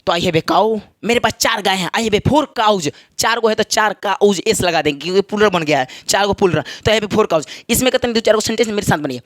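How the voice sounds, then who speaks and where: A man with a Bihari Hindi accent and a high voice teaches a spoken English lesson. He talks in a chatty, joking way, repeats examples and keeps asking his students if they follow. The sound is dry and close, with no room around it. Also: fast talker, hardly any pauses, a bit bright, dry recording. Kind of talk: classroom lesson at a whiteboard.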